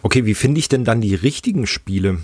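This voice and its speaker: A man's voice: on the low side, expressive, brisk, darkish tone, husky, dry recording. A man with a slightly congested, snotty nose, casually hosting a podcast. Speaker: podcast host.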